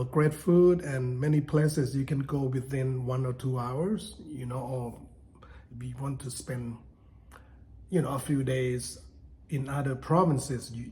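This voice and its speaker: A man in his fifties who grew up in Thailand talks unscripted to camera, stopping and restarting often with plenty of fillers. His voice sits at an ordinary pitch with a soft, mellow tone. It feels like an easygoing home vlog. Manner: halting, many fillers and restarts. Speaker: vlogger. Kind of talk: casual unscripted talk to camera.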